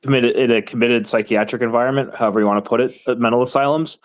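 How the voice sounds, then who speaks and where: A man's voice: medium pitch, fairly even intonation, fast. A man in a heated online debate, blunt and unapologetic, often stumbling as he starts his sentences. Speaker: debate participant.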